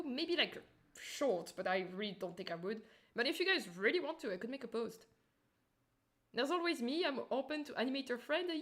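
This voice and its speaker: A woman's voice: fairly high pitch, pushed and bright. A woman with a Turkish accent chatting informally to her viewers on a livestream as a streamer and animator. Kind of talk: casual livestream chat and explanation.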